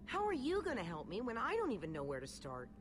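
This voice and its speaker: A woman's voice: fairly high pitch, huge pitch swings, quick pace, noisy background. An actress playing a self-doubting young female engineer in a story game, speaking in an anxious manner.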